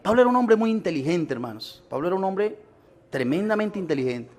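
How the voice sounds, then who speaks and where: A man's voice: sits high, very animated, brisk, a little mellow. A male Colombian pastor preaching a sermon, addressing the congregation with rhetorical questions and acting out the voices of people in his stories. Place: church gathering.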